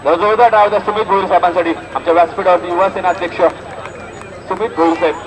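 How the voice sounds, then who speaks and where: This is a quick-paced, high male voice with fairly even intonation. It belongs to a Maharashtrian-accented commentator at an outdoor local cricket match who makes announcements and calls the play, emphatically repeating the score. Loud crowd noise fills the outdoor recording.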